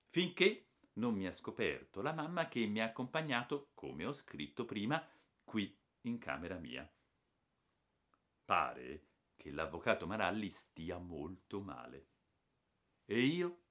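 Animated, bright-voiced male storyteller. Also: fairly low pitch. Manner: expressive, animated reading with shifting pace. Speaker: audiobook reader. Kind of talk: scripted storybook narration.

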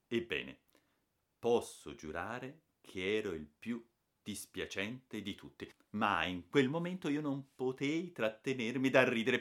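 A man reading a children's story aloud in an expressive, animated narrating voice. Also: lowish voice. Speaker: audiobook reader.

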